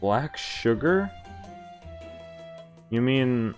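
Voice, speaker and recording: Her bass voice is animated and a little mellow, and she draws out her words while reading visual novel text expressively. Casual, sweary asides of her own break in now and then, with the game's background music behind her.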